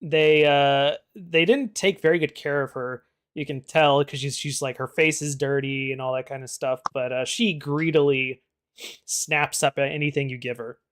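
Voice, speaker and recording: A man running a tabletop game, narrating casually and conversationally as game master, pausing mid-sentence. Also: fairly high pitch, fairly even intonation.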